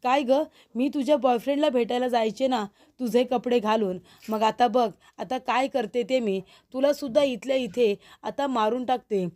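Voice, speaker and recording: A woman's voice: fairly high pitch, normal speed, few pauses, warm tone, natural voice. A woman reading a vicious split-personality woman. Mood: menacing. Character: young woman's menacing second personality, vicious.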